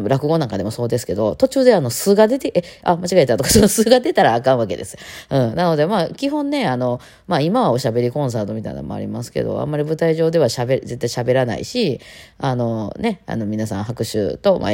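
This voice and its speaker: A woman's voice: extremely low pitch, dark tone. A woman with a Kansai accent, a violinist, chatting casually and rambling on her own talk show, with playful mimicry. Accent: Kansai Japanese. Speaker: violinist and podcast host.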